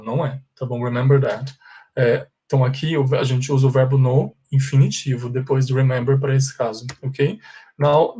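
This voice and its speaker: A man's voice: mid-range voice, mellow, slightly rough. Brazilian man teaching English grammar. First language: Portuguese. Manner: explains in Portuguese, reads English examples slowly. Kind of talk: online English grammar lesson.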